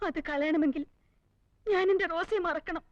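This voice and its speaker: A woman's voice: very high voice, normal speed, no room sound, dull audio. An actress playing an anxious wife who pleads to go see her injured brother, in a film drama. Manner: pleading, tearful.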